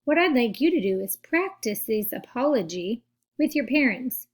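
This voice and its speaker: Soft-spoken lady teaching little kids about saying sorry, kinda high voice, patient. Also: very animated, normal speed, husky. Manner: gentle, patient, speaks directly to kids. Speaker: teacher for children. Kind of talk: children's social skills lesson.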